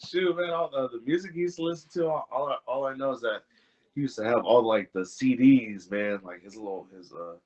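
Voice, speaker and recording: A young man, an interview guest, telling family stories in a casual way, laughing and doing lively voices for the people in them. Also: medium pitch, brisk. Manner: laughing, animated impressions in retelling. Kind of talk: casual storytelling. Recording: dull lo-fi audio.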